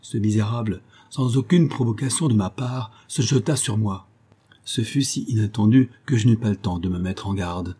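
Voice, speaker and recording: A man reading as a distressed young army lieutenant, low and husky. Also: moderate pace, dark tone. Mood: tense. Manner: earnest first-person storytelling. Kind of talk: audiobook reading.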